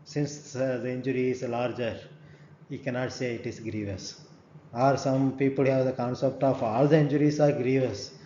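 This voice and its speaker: A man's voice: mid-range voice, fairly even intonation, moderate pace, mellow. Man lecturing, checking "right?" often. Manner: many "uh" fillers. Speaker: forensic medicine lecturer. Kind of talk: recorded lecture. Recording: dull echoey room recording, faint hum.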